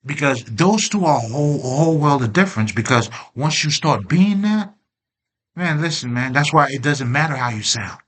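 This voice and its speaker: Man, self-help host, casual monologue, streetwise slang, frequent laughs, forceful bright voice. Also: on the high side, lively intonation, normal speed. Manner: rambling, streetwise, lots of slang and fillers; laughs often, openly emotional.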